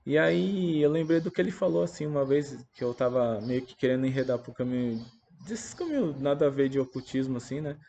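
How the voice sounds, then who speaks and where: A Brazilian Portuguese-speaking man giving a halting, earnest and reflective spoken testimony about a personal religious experience. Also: medium pitch, lively intonation, vocal fry, mellow, lo-fi sound, slight background noise. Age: adult parent.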